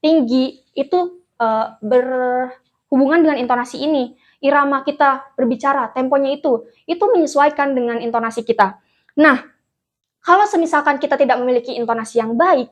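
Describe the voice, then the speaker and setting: High-voiced woman teaching broadcast voice. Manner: friendly, addresses viewers as friends, lively demonstrative intonation. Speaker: vocal coach for broadcasters. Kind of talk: casual tutorial lesson.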